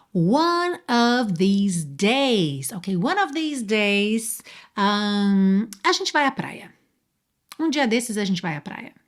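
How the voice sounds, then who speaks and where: A Brazilian woman teaching English in a patient, clear voice, pitched at an ordinary middle height. She slows right down to spell words out and often turns to the listener with a question. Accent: Brazilian Portuguese. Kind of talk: online English lesson.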